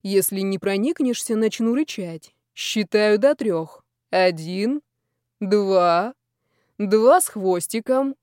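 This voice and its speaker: A woman voicing a playful, teasing male boss who talks in a slow, joking manner. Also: mid-range voice, animated, darkish tone, no room sound, clean studio sound.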